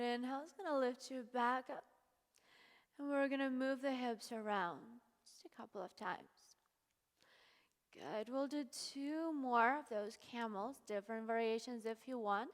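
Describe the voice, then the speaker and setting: A woman leading a yoga class, giving calm, encouraging step-by-step cues and sounding slightly out of breath. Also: high voice, big-room sound. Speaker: yoga instructor. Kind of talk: guided yoga class instruction.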